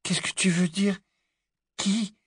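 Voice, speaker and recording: A man's voice: steady tone, slow, fairly bright tone, slightly rough, no echo, clean studio sound, heavily acted. A man voicing a furious, shrieking teenage girl witch who screams and mocks. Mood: startled. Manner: shrill, screaming, sarcastic.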